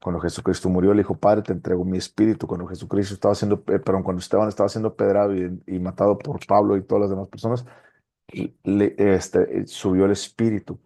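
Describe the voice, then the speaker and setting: Gravelly-voiced male pastor teaching scripture. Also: deep voice, quick pace. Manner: animated preacher, asks rhetorical questions and reads verses aloud. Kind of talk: Bible study teaching.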